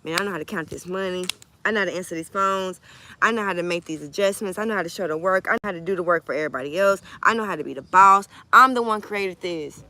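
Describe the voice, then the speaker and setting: A woman giving a casual, animated tarot reading outdoors by the water into a phone camera, swinging between hushed and loud. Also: lowish voice, quick pace. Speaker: tarot reader. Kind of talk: casual emotional tarot vlog.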